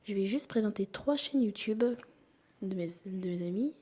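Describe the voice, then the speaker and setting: Young woman, casual gameplay commentary, mellow voice, breathy, half-whispered asides. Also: mid-range voice, expressive, moderate pace. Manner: chatty, drifts into whispering while playing. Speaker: gaming YouTuber.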